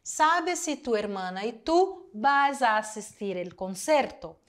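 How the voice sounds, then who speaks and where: Slow, patient woman teaching Spanish. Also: fairly high pitch, big pitch swings. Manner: explains step by step, repeats answers, addresses students directly. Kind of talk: recorded class lesson.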